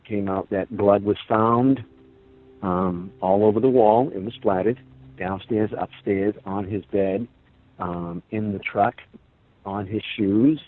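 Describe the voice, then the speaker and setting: An older man with a lowish voice speaks slowly and fairly evenly as he recounts his story over the phone in a casual interview. He rambles, stresses points emphatically, and fills gaps with fillers; the line is tinny, with faint music behind him.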